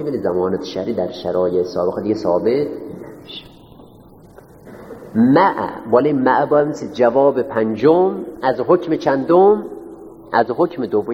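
A man's voice: mid-range voice, a little hiss or hum. A man teaching a class in a lecture style, dictating notes and putting questions to his students, then answering them himself. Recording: roomy, echoing hall on dull lo-fi audio.

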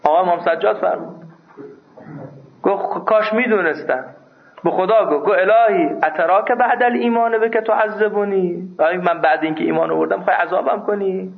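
A man's voice: high-pitched, vocal fry. A man teaching a seminary class on religious law, emphatic and scolding, who raises his voice at his students. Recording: tinny phone-like recording.

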